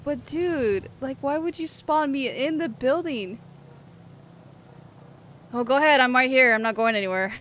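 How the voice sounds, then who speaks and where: A woman's voice: sits high, unhurried, long pauses, a bit bright, a little hiss or hum. A woman hosting a gaming channel, giving laughing, exclamatory commentary as she plays an online shooter with friends. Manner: giggly, exclamatory, amused. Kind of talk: laughing live gameplay commentary.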